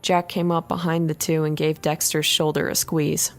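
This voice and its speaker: A woman reading a horror story aloud in an expressive first-person narration. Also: deep voice, normal speed.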